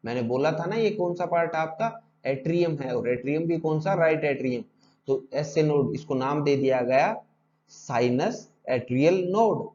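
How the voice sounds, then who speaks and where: Male teacher, mellow tone, muffled lo-fi audio; drills terms with repeated questions. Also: on the high side. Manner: repetitive drilling with rhetorical questions. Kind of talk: exam-prep lecture.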